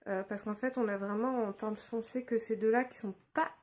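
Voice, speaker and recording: A young woman casually talking through a makeup tutorial, relaxed and hesitant with lots of fillers, recorded on a phone at home. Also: fairly high pitch, moderate pace. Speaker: beauty vlogger. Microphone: phone camera.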